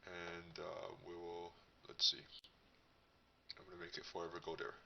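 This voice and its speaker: A man hosting a casual coding tutorial, his voice disguised as a deep one by a voice changer, thinking aloud as he demonstrates. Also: monotone, normal speed, gravelly, far from the mic, highs cut off, slight background noise. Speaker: tutorial host.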